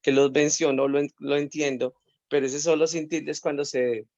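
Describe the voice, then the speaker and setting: A man's voice: a little high, flat delivery, normal speed, a little mellow, dry recording. A man with a Colombian accent, a course participant, asks hesitantly about a spelling rule, repeating words and apologizing. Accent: Colombian Spanish. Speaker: course participant asking a question. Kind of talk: hesitant question on a video call. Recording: dry, dull video-call audio.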